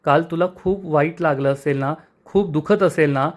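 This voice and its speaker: A man's voice: a little high, normal speed, natural voice. A man voicing a stern, scolding older aunt in a retold TV serial, talking sharply.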